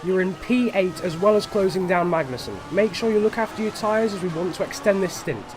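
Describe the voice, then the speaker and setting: A man voicing a brisk race engineer, heard as a radio call to a driver in a racing game. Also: sits high, over music. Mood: instructing. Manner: brisk, instructive. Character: calm male race engineer on team radio. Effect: race car team radio. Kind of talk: game voice acting.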